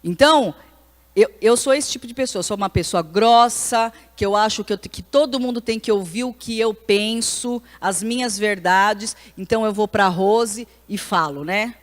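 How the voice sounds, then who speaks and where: A woman's voice: mid-range voice, moderate pace. A woman pastor with a Brazilian accent teaching an informal church class, talking frankly and conversationally, often asking "né?" and restarting her sentences. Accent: Brazilian Portuguese. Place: church hall with a live audience. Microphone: handheld microphone. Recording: long church-hall reverb.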